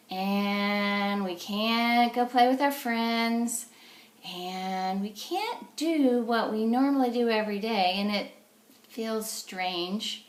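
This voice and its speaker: A woman with a medium-pitched voice, sounding roomy, reads a storybook aloud to young children as their teacher. She explains things simply and checks in with them through questions.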